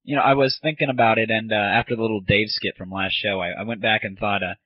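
Hosting a comedy audio show, a man rants in a casual, sarcastic, rambling and profane manner. His voice sits low with fairly even intonation, and he talks fast. Music plays behind him, and the audio has a muffled, lo-fi 1990s internet quality.

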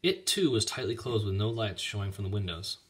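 Male reader, storybook read-aloud, bright tone, lively pitch, low-ish voice. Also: a little fast, a little hiss or hum. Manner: expressive, lively reading.

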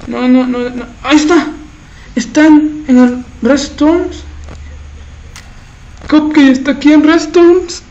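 High-voiced tense woman. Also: fairly even intonation, slow pace, pauses often, mellow, highs cut off. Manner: tense self-talk, muttering and frantic exclaiming. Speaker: gaming channel host. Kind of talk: horror game commentary.

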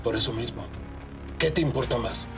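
An actor playing a stern, reproachful police colleague in a TV drama, firm and accusatory. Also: male voice, mid-range voice, normal speed, vocal fry, lightly acted. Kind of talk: naturalistic TV drama acting. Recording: background music under dialogue.

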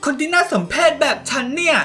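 A woman's voice: high-pitched, fast talker, pushed and bright, soft background music, voice pushed up. A woman voicing a timid young woman leader who pities herself and apologizes constantly. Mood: self-pitying. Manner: plaintive, apologetic.

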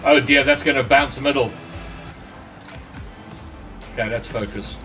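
A man's voice: medium pitch, measured pace, bright, forceful tone, recorded from a distance, soft background music. A man commenting on his own gameplay during a live stream, his voice run through a voice changer. He chats with viewers between plays and swears when things go wrong. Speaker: gaming streamer.

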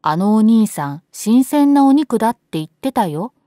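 A woman's voice: fairly high pitch, big pitch swings, normal speed, warm tone, no room sound, studio quality, voice pushed up. A woman voicing an earnest, obedient young schoolgirl in an acted story reading. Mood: earnest, eager.

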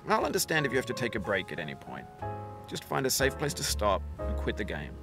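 A calm, philosophical male game narrator, speaking with a gravelly, lived-in texture. His pitch moves in a lively, unhurried way. Clear music plays underneath his lines. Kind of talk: scripted narration.

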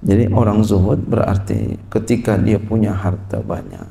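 A man's voice: lowish voice, sing-song, normal speed, vocal fry, warm tone, reverberant. A man teaching an Islamic religious text, reading and translating Arabic lines, speaking casually and jokingly with repetitive lists and slang.

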